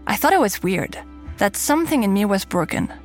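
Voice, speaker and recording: A French woman in her thirties hosts a podcast, recounting her own story in candid scripted narration with a French accent. Her mid-range voice is sing-song and brisk, with faint music in the background.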